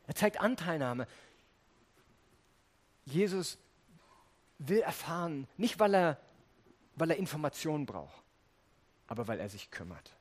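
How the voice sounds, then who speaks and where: A man's voice: fairly high pitch, big pitch swings, measured pace, pauses often. A man preaching a sermon, reading scripture and earnestly speaking straight to his listeners. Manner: earnest, addresses listeners directly.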